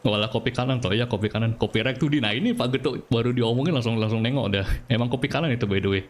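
A man's voice: mid-range voice, quick pace. A man from Bali with a Balinese accent, chatting casually on a live stream, answering viewers while he plays and laughing often. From Bali, Indonesia.

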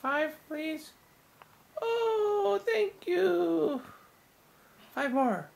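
High, squealing sing-song woman. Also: expressive, drawn-out words, creaky. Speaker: parent playing with baby. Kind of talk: high baby-talk play.

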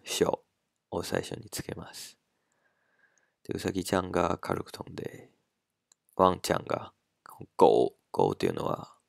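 A man teaching a language lesson in a relaxed spoken style, working slowly and carefully through pronunciation drills. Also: sits low, vocal fry, dry recording, clean studio sound.

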